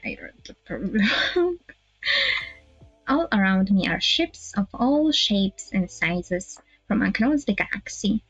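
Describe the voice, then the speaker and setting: A young woman streamer reading a visual novel aloud, halting over words and adding laughing asides. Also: mid-range voice, no room sound, muffled recording.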